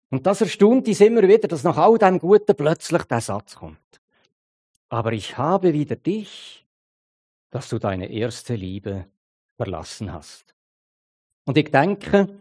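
A man's voice: on the high side, dark tone. A middle-aged man preaching a sermon with a Swiss German accent, in a conversational way that keeps asking the listeners to agree. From Switzerland.

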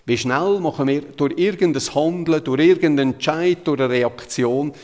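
A man with a fairly high, slightly mellow voice speaks at a moderate pace in a Zurich Swiss German accent. He's from Zurich, Switzerland, and preaches a sermon in a conversational yet emphatic style, retelling Bible passages. The recording carries a long hall reverb.

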